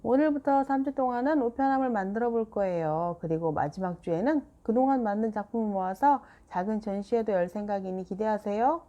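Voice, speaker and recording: A woman's voice: medium pitch, fairly quick, few pauses, warm tone, muffled recording, voice pushed up, close to an everyday voice. A woman reading a children's book aloud and voicing a cheerful teacher making polite announcements to a class.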